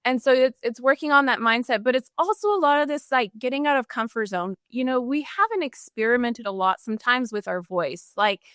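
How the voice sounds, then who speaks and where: A customer service trainer appears as a podcast guest, giving energetic interview answers in an enthusiastic coaching tone with quick acted examples. Her voice is fairly high, fairly bright and smooth, captured as a dry, clean studio recording.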